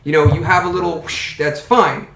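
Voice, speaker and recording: A man's voice: on the high side, normal speed, creaky. A man running a tabletop game as game master, talking casually, bluntly and with lots of swearing. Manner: profane, blunt, animated. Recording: echoey room with faint noise.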